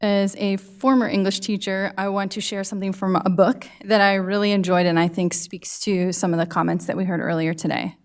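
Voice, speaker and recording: Mid-pitched woman reading aloud. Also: flat delivery, brisk, hardly any pauses. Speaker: town commissioner. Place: public town board meeting.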